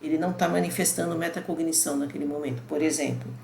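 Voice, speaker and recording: A woman's voice: sits low, steady tone, fast talker, creaky, dark tone. A middle-aged woman, giving a conversational university lecture and explaining step by step, often checking in with the listener. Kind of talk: recorded online lecture. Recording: roomy echo with faint background noise.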